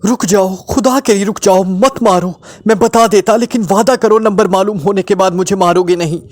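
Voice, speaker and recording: A man's voice: sits high, expressive, moderate pace, mellow, voice pushed up. A man voicing a panicky one-eyed male villain held captive, who shrieks and pleads. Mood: screaming.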